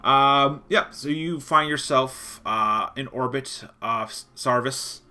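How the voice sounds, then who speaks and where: Guy running a tabletop game, bright voice, lots of ums while he sets the scene. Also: mid-range voice. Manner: descriptive, halting with fillers. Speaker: game master.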